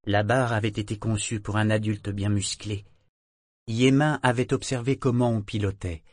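Low-voiced man narrating an audiobook. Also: dry recording. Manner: steady, measured storytelling.

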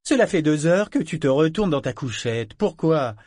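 A motherly living ship with a raised, knowing voice that teases gently, as a man reads her. The recording is close and dry, with a storybook feel. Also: expressive, moderate pace, no room sound. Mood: teasing. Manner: low, knowing and teasing.

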